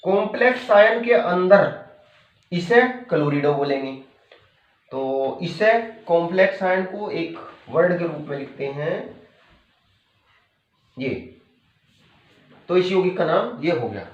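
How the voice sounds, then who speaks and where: A male chemistry teacher lectures patiently and keeps repeating the key terms. His voice sits high. The recording is dull and lo-fi, with a roomy echo around him. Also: lively intonation, takes it slowly, pauses often. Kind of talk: classroom lecture. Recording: echoey room, dull lo-fi sound.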